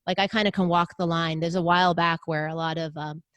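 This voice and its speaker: Low-pitched motivational American woman. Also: fast, clear, resonant tone, no room sound. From United States. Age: middle-aged. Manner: earnest, motivational, animated when quoting others. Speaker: podcast host and guest. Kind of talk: interview conversation.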